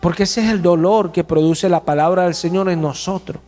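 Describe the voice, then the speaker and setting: A man preaching a sermon as pastor, emphatic and slowing to stress key words, in a church. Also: sits high, steady tone, darkish tone. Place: church hall. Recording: long church hall reverb.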